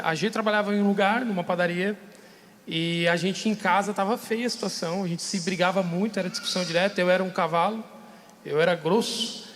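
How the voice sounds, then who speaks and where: A man's voice: high-pitched, fairly bright tone, long reverb tail. A man telling a candid, emotional personal story on a live podcast. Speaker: podcast guest sharing testimony. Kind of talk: casual testimony. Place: radio studio.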